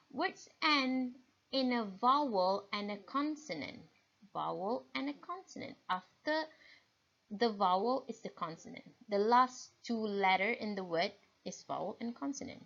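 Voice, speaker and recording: A woman teacher giving a recorded grammar lesson, slowly repeating key points and checking in with "okay?". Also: fairly high pitch, creaky, fairly bright tone, breathy edge. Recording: dull lo-fi recording.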